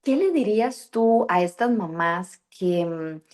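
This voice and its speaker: Hosting an interview about raising kids bilingually, a woman who works as a bilingual parenting coach speaks reflectively, restarting often and using many fillers. She takes her time, her lowish, slightly mellow voice carrying lively intonation.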